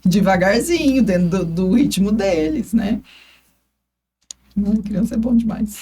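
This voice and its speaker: A woman's voice: medium pitch, a little slow, slightly rough. A Brazilian woman co-hosting a podcast, speaking casually and with emphasis. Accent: Brazilian Portuguese. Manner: expressive, emphatic, many agreeing murmurs. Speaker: podcast co-host.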